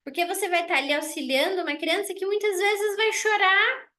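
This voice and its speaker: High-voiced woman dentist explaining. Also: fairly even intonation, brisk. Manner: warm, explanatory, repeats and rephrases points. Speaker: dentist presenting a wellness oil kit for children. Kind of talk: casual online presentation.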